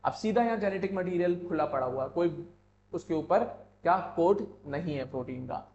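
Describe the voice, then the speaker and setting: A man's voice: on the high side, lively intonation, a little mellow. A man teaching a biology exam-prep class in Hindi with English terms, asking questions and repeating the answers back to students. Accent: Hindi-English code-switching. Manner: reads English textbook lines slowly, then explains in Hindi. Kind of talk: online exam-prep lecture. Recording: echoey lo-fi room with faint hum.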